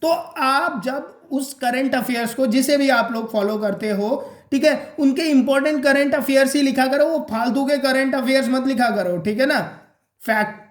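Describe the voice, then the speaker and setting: A man giving a casual exam-prep lesson, repeating his points and checking in with "okay?" and "clear?". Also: very high-pitched, normal speed, echoey room. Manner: repeats points, addresses viewers as guys and friends.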